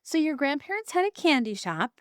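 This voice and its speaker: A woman's voice: sits high, very animated, a little fast, no room sound, clean studio sound. A middle-aged woman hosting a podcast, asking questions and reacting with short responses in a casual interview. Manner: warm, prompting questions, brief reactions. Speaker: podcast host.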